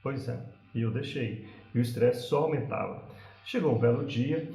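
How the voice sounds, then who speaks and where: A Brazilian Portuguese-accented man in his forties, hosting a parenting channel, tells a personal story straight to the viewer. His speech is conversational and loose, full of little tag questions and restarts, and his pitch sits at a middle level for a man. The recording is roomy, with the voice echoing off the walls. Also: normal speed, mellow. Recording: roomy echo.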